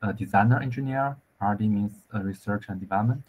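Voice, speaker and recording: A man from China, an engineer talking over a video call, with many pauses, fillers and restarts. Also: on the low side, a little mellow, husky, poor audio. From central China. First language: Chinese. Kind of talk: casual conversation practice.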